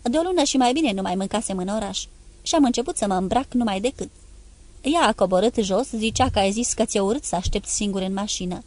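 A woman's voice: mid-range voice, animated, darkish tone, no echo. A woman reading a novel aloud in the first person, in a conversational, confiding storytelling manner. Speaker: audiobook reader.

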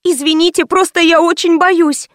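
A timid young woman with a high, shrill voice that keeps tipping into panic, as a woman narrator puts her on. She pleads and squeals in a dry, close audiobook recording with no room sound. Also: moderate pace, no room sound. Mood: anxious, pleading. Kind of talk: audiobook character voice.

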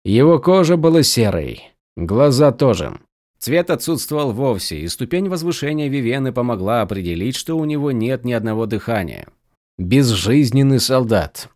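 Brief: male audiobook narrator, expressive fantasy reading, dry close mic. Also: mid-range voice, normal speed, no room sound.

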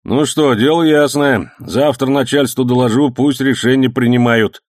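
A man's voice: medium pitch, normal speed, no room sound, clean studio sound, voice pushed up, natural voice. A man voicing a stern, officious young male police lieutenant who talks in an official tone.

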